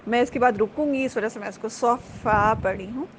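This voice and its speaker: A woman teaching Quran recitation, explaining letter sounds patiently and repeating them slowly. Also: on the high side, slight background noise.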